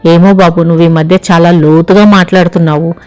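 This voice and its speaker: A woman's voice: on the low side, steady tone, a little fast, darkish tone, soft background music, close to an everyday voice. A woman reading the lines of a chatty, curious young woman friend in an audio story.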